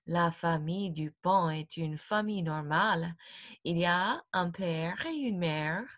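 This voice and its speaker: A woman teacher reading a graded storybook aloud for her class, slowly, clearly and expressively. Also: on the low side, fairly bright tone.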